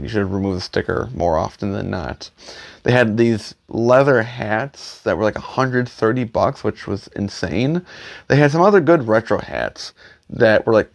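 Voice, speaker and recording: A man giving a casual, opinionated vlog in a grumbling back-in-my-day rant, halting and correcting himself as he goes. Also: on the low side, creaky, dry recording. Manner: halting, self-correcting, trailing delivery. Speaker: hat collector vlogger.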